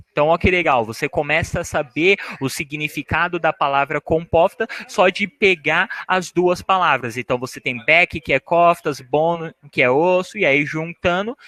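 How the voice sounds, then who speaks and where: A man teaching English vocabulary, slowly saying each word, then its meaning, and repeating it. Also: a little high, a bit bright, no echo, poor audio. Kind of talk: language lesson for Portuguese speakers.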